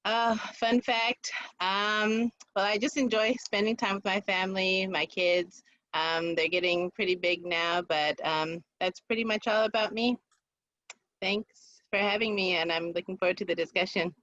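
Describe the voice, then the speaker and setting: A woman from San Diego introducing herself hesitantly, with many pauses and "um"s. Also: medium pitch, fairly even intonation, a bit bright, no echo. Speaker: panelist, engineer. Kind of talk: brief self-introduction. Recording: dull dry video call audio.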